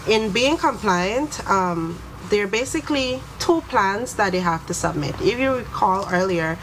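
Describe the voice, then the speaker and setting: A woman methodically explaining legal duties, listing terms and quoting the act. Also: medium pitch. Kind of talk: explanatory talk on law. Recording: noisy background ambience.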